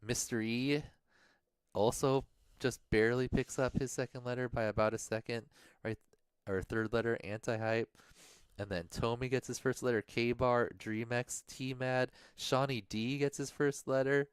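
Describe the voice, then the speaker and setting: A man's voice: medium pitch, steady tone, unhurried, smooth, no echo, clean studio sound. A man co-hosting a livestream, casually going over race standings and thinking aloud, sometimes mumbling to himself. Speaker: livestream co-host.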